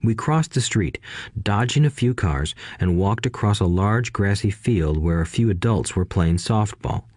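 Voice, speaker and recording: A man reads an audiobook in a steady, measured way. His voice sits on the low side. The recording is close and dry, with no room around it. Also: dry recording. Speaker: narrator. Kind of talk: audiobook narration.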